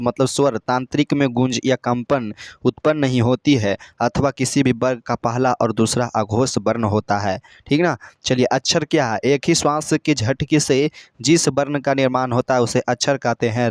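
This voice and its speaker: A man's voice: mid-range voice, no echo. A male teacher giving a grammar lesson, repeatedly asking and answering his own questions while coaxing students with pet names. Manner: repetitive call-and-response questioning.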